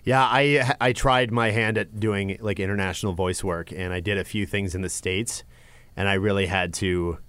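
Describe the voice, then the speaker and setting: Lower-voiced Canadian man, playful. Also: steady tone, moderate pace, a bit bright, clear, resonant tone, dry recording. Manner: playful, joking interjections. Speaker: radio co-host. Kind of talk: casual chat.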